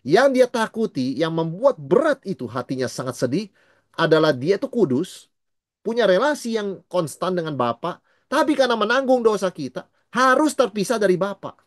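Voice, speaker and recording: Middle-aged male pastor, Bible study teacher, dry close sound, lively delivery that mixes in English. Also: sits high, normal speed, dry recording. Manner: lively, mixes in English words, acts out quoted voices.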